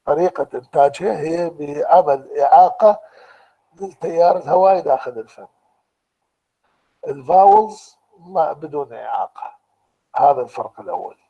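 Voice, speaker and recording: A man with an Iraqi Arabic accent giving a university lecture online, explaining slowly and deliberately and restating each point in two languages. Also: on the high side, lively intonation, vocal fry, mellow, slightly rough, rough recording.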